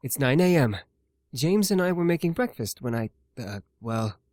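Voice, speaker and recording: An actor voicing a gentle, hesitant, worried young man in a video game. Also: mid-range voice, very animated, normal speed, no echo, clean studio sound, natural voice.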